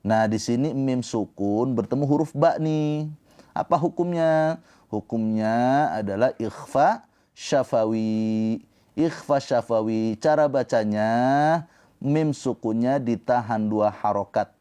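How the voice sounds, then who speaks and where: Explaining Quran recitation rules slowly during a livestream, this man has a mid-range voice that is dark, clear, and resonant. He then chants verses melodically, stretching them out.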